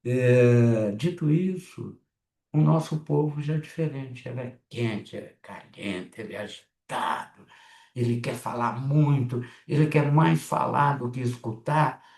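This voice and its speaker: Gravelly, blunt Mineiro man teaching. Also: mid-range voice, a little slow, reverberant. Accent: Mineiro Brazilian Portuguese. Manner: chatty, blunt, animated asides. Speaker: psychoanalysis teacher. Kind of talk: online class talk.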